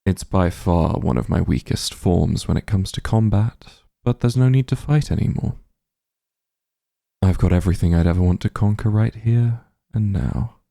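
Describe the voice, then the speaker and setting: In a studio-quality ASMR roleplay with no room sound, a man voices a doting demon lord shapeshifted into a soft, strong form. His low, gravelly, husky voice is heavily acted as he delivers an intimate, comforting monologue, soothing, tender and gently coaxing.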